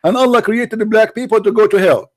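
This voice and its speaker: A man's voice: high-pitched, brisk, a little mellow, no echo. A man hosting a heated religious debate, combative and accusatory, keeping strict time on his opponent. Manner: keeps strict time on the other speaker. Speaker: debate host.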